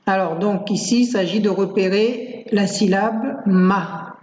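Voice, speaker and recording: A woman teacher explains school activities in a calm, patient way, pausing often on fillers. Her voice sits at a middle pitch. The home recording sounds roomy and a little dull. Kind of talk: explaining worksheets in a screencast.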